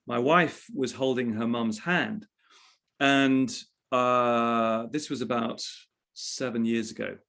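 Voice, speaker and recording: Speaking slowly in a medium-pitched, somewhat bright voice with a steady tone, a man shares a personal story. He is an English journalist and author being interviewed, and his reflective, conversational telling often breaks off and restarts mid-phrase.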